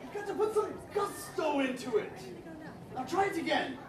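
Woman playing a booming pirate captain. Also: lively intonation, moderate pace, a crowd in the background, noisy background. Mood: drilling recruits. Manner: booming, theatrical, teasing the audience. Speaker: stage actor. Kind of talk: live interactive theatre. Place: indoor theatre, live audience. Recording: echoey hall from far off with audience.

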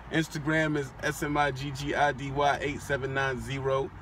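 A man's voice: medium pitch, little pitch movement, moderate pace. Boastful young man chatting in a car. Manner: boastful, laid-back, slangy and profane. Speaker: vlogger, aspiring trucker. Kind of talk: casual chat. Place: inside a parked car. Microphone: phone camera on the dashboard. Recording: outdoor traffic noise in a car.

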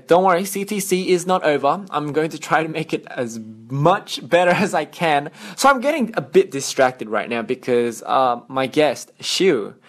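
A young man from Australia with an Australian accent, hosting a casual radio show in a chatty, upbeat way with playful sound effects on a studio microphone. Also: medium pitch. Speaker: radio host.

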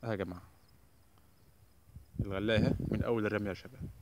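Fast-talking Egyptian man narrating his fishing. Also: fairly low pitch, heavy background noise. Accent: Egyptian Arabic. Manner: brisk, excited, addresses viewers directly, mutters repeated blessings. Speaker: fishing vlogger. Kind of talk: live fishing commentary.

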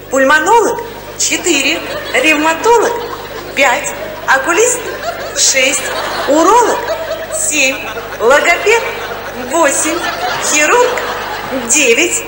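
A woman on a comedy stage voicing an automated clinic phone menu that recites options in a measured, even way. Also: high voice, heavily acted. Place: stage before a live audience. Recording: echoey stage hall, audience noise.

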